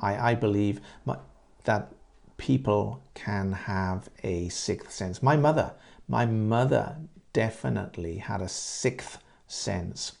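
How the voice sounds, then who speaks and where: Taking his time, a middle-aged British man from England leads a conversation-practice lesson, posing questions, answering them, and slowly, clearly repeating words and phrases for learners. He has a low, mellow voice with a gravelly edge.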